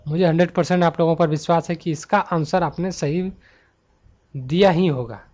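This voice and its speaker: A man teaching a Hindi grammar exam-prep lesson, talking students through multiple-choice answers and slowing down to list letters one by one. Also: a little high, steady tone, darkish tone, muffled recording. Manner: slows to spell out letter lists one by one.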